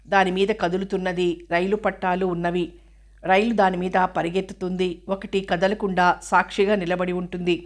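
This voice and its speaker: A woman reading a scripted spiritual commentary on a scripture in a measured, explanatory way, now and then asking and answering a question. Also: fairly low pitch.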